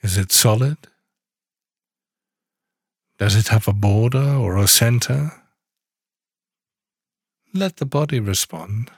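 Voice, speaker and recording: A man leading a guided body-awareness meditation, giving calm, soft-spoken instructions with long pauses between phrases. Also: fairly low pitch, breathy edge, dry recording, studio quality.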